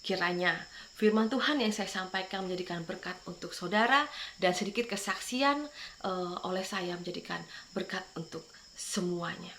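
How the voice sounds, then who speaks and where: A woman's voice: on the low side, moderate pace, a bit bright, a little hiss or hum. A woman from Madura preaching a sermon with personal testimony, fervent and calling her listeners "brothers and sisters" at the end of phrases. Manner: fervent, repeats "saudara" at phrase ends.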